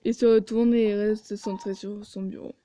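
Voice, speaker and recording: A woman's voice: medium pitch, flat delivery, moderate pace, dark tone, no room sound. A woman reading a story game aloud and adding sarcastic asides. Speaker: video game player.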